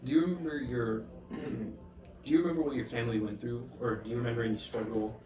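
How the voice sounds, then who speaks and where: A man's voice: medium pitch, fairly even intonation, a little fast, reverberant, far from the mic, a crowd in the background, poor audio. A man interviewing a guest with brief, plain questions.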